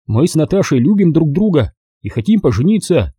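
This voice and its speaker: A man's voice: on the high side, very animated, fairly quick, warm tone, slightly rough, no room sound, clean studio sound, voice pushed up. A man voicing a timid, shy young male lieutenant who answers hesitantly in a raised, sheepish voice. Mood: earnest.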